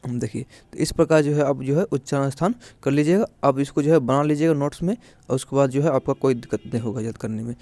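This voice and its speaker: A man's voice: mid-range voice, fast, mellow, dry recording. A man teaching a grammar lesson, explaining step by step in a repetitive way, often asking and answering his own questions. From India.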